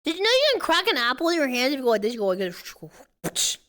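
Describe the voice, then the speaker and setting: Cute, very high-pitched animated woman streamer. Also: fast. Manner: playful, goofy, exaggerated reactions. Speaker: streamer reacting to a video. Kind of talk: casual reaction stream chat.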